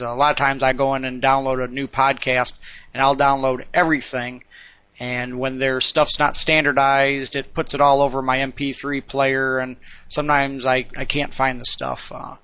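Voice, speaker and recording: A man's voice: medium pitch, bright, forceful tone, no echo. A man from Indiana leaving an earnest voicemail message, heard over a landline phone. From South Bend, Indiana, USA. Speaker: listener calling in. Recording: muffled, dry phone-line message.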